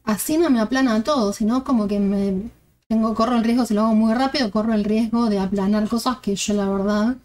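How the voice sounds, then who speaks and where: A woman with a fairly high voice talks through a game tutorial. She explains each step calmly and thinks aloud while she works on screen. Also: fairly quick.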